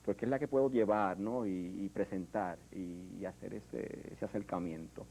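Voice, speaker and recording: A Puerto Rican sculptor in an interview, speaking in a reflective, hesitant way with many fillers and restarts. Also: male voice, sits low, fairly even intonation, moderate pace, creaky, warm tone, poor audio. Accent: Puerto Rican Spanish. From Puerto Rico. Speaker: artist, sculptor. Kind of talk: interview conversation.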